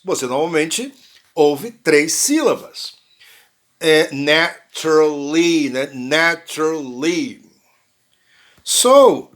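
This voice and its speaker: In a bilingual language lesson, a man teaches English pronunciation, reading English lines slowly before translating and explaining them in Portuguese. His slightly high voice swings widely in pitch, and he's unhurried, repeating words, restarting, and checking in with listeners using frequent "né?" and "ok?" tags.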